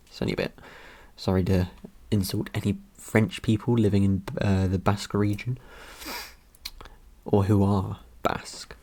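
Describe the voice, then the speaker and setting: A man's voice: lowish voice, mellow. A young man chatting casually about his ancestry results, rambling and joking with lots of ums and uhs. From Britain. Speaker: vlogger. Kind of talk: casual commentary over results.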